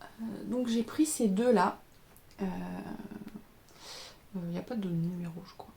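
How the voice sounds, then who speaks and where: A woman's voice: fairly low pitch, takes it slowly, gravelly, warm tone, a little hiss or hum. A woman hosting a knitting podcast, chatting casually at home, hesitant, with many fillers and self-corrections as she shows her yarn. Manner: shows yarn and socks to the camera. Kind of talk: casual chat. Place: indoor room by a window.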